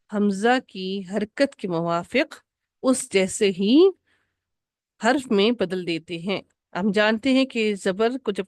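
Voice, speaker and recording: A woman teaching an Arabic grammar lesson, patiently repeating each rule slowly for her students. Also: mid-range voice, no echo, studio quality.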